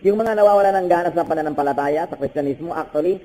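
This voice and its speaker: An older man with a Filipino accent, preaching a sermon with animated bursts and switching between Tagalog and English. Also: rapid-fire. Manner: animated preaching with sudden high-pitched bursts. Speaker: pastor. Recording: hall with long reverb.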